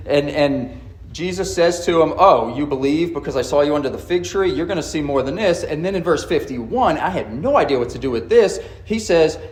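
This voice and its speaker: A man preaching a sermon as pastor, telling the story with animated asides and acted-out quotes. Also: fairly high pitch, reverberant, low-quality recording. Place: church sanctuary.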